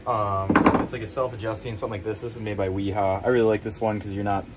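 A man's voice: fairly low pitch, fast, slight background noise, low-quality recording. A young man, a plumber, talking casually about his tools while working in a crawl space, rambling with lots of fillers. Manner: relaxed, rambling, lots of "I mean" and "like". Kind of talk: casual on-the-job interview. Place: crawl space under a building.

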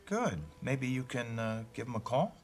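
A fussy, formal father, played by an actor in a sitcom, choosing his words with deliberate care. His pitch swoops widely, rising sharply when he is exasperated. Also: animated, close to an everyday voice. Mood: measured. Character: fussy, exasperated middle-aged father and businessman. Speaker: father, would-be milk seller. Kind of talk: sitcom acting.

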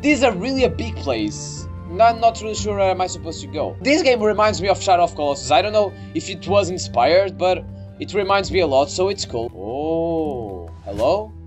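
Young male game streamer, high-pitched and lively, jumpy and sweary, over faint game music. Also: normal speed. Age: young adult. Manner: excitable, easily startled, swearing. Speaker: gaming video creator. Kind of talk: let's play game commentary.

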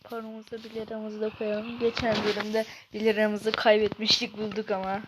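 A woman's voice: mid-range voice, completely flat delivery, moderate pace, heavy background noise. A young woman casually commenting on her own gameplay, chatty with frequent exasperated outbursts. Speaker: gaming YouTuber.

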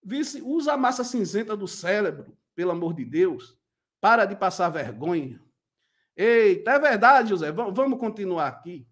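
A man's voice: high-pitched, lively intonation, normal speed, a bit bright. A man with a Pernambuco accent who hosts a gospel channel, ranting on a livestream in an indignant, combative way. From Pernambuco, Brazil. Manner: indignant and combative, repeats insults. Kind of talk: heated livestream rant.

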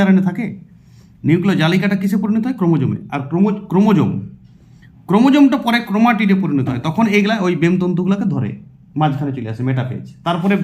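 A man with a West Bengal Bengali accent teaching a biology exam-prep lesson, asking questions and answering them himself and repeating terms as he writes them out. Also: sits high. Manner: explains by asking and answering his own questions; repeats terms while writing on a board.

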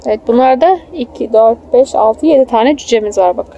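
This outdoor phone video, muffled and laced with faint crowd noise, catches a woman in her thirties filming her small child in an open-air park. Her warm voice, a little high and fairly quick, points things out, explains, and coaxes with endearments as she speaks casually from behind the handheld camera.

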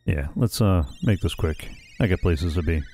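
A man's voice: low-pitched, moderate pace, dark tone. A middle-aged man giving casual, wry video game commentary, muttering to himself and reading text aloud into a close desk microphone. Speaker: gamer and host of a playthrough series. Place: small indoor room. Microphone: desk microphone close to the mouth. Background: video game music.

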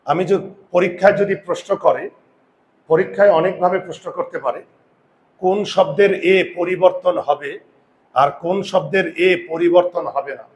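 A man teaching a grammar lesson who sounds out vowels slowly, repeats words and asks his students questions. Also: high-pitched, darkish tone. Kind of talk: classroom lesson.

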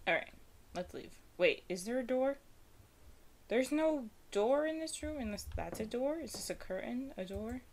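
A woman's voice: on the high side, animated, moderate pace, darkish tone, slight background noise. A young woman giving casual, self-deprecating commentary while playing a game, chatty and nervous. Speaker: gaming streamer. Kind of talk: casual let's-play commentary.

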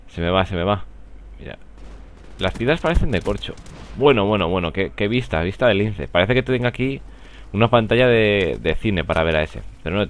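A young man with a Spanish accent from Spain, rambling and joking through live gameplay commentary, with sudden excited outbursts. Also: low voice. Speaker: gaming commentator.

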